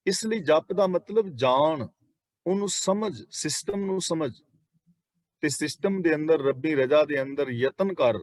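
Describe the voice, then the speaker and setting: A man with a Punjabi accent teaches a Sikh scripture passage line by line, in a slightly high voice. He draws out each quoted verse slowly and then explains it plainly. The recording is close and dry. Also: darkish tone, no echo.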